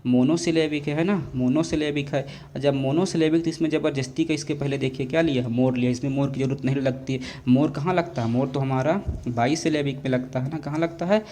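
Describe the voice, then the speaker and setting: Mellow-voiced man teaching grammar. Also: fairly high pitch, slight background noise. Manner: repeats questions to students, drawn-out words. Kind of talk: classroom grammar lesson.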